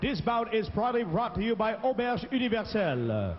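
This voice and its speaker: A man's voice: high-pitched, sing-song, normal speed, highs cut off. A man as a bilingual arena ring announcer, formal and theatrical, drawing out names over a public-address system. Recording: echoing arena PA, band-limited, noisy.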